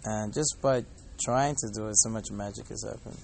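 At a moderate pace, a man with a fairly low, gravelly and darkish voice tells stories and reflects in a casual, earnest podcast style that tends to ramble. He's a Hare Krishna devotee hosting the show from an airport departure gate, where faint background noise is audible.

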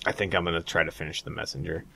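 A man's voice: low voice, fairly even intonation, very fast, creaky, bright, forceful tone, slightly rough. A man hosting a casual gaming podcast, joking and teasing his co-hosts. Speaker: podcast host.

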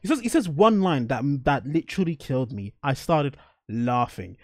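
A man's voice: medium pitch, big pitch swings, moderate pace, no room sound, studio quality. A man chatting casually as a podcast co-host, laughing often and restarting his sentences as he recaps an episode. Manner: laughs often, stumbles and restarts, acts out quotes. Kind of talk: casual chat reviewing a TV episode.

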